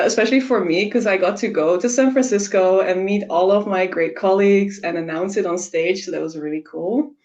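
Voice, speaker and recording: Laughing Dutch woman on a muffled call. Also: fairly low pitch. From Netherlands. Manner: self-deprecating, laughs easily, frequent ums. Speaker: software engineer. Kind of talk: casual tech presentation.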